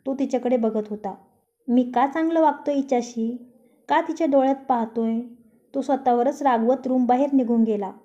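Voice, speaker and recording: A woman narrating a story aloud in a steady, even reading voice. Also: a little high. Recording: dull lo-fi recording.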